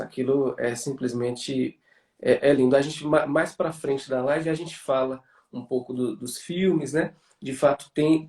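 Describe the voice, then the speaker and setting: A man from Bahia with a Bahian Brazilian accent, hosting a casual online conversation in a halting way, repeating words as he thinks. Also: medium pitch, darkish tone. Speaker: host of a live online interview show. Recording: roomy echo, distant microphone.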